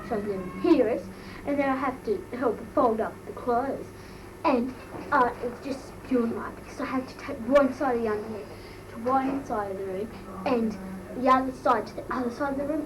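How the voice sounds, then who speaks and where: A woman's voice: fairly high pitch, close to an everyday voice. A woman doing an amateur comic impression of a bratty, gossipy Australian teenage schoolgirl "mole", telling embarrassed, slangy stories in a breathless drawl. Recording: noisy amateur recording, distant mic.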